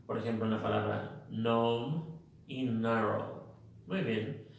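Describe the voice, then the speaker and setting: A man teaching English pronunciation in a slow, methodical way, drilling word lists one by one. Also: fairly low pitch, fairly even intonation, gravelly. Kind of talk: recorded phonics lesson. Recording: echoey room, mic far off.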